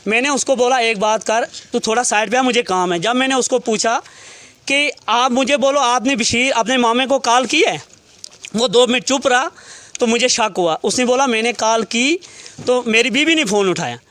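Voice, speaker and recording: A man's voice: extremely high pitch, moderate pace, a bit bright, no echo. A man, a relative of a murder victim, recounting events to a reporter in detail and quoting what each person said.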